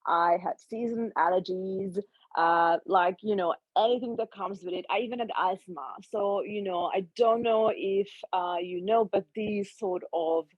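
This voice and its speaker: A Hungarian woman in her thirties, a nutritional therapist, tells her story as a guest in a conversational interview, thoughtful and pausing with soft laughs. Her voice is medium-pitched, and the audio is dry, narrow, and tinny.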